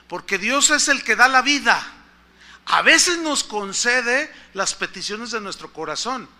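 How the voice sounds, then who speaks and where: A Mexican-accented pastor with a high, very bright, forceful voice. He preaches in a conversational storytelling style and often asks the congregation questions. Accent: Mexican Spanish. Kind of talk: storytelling sermon.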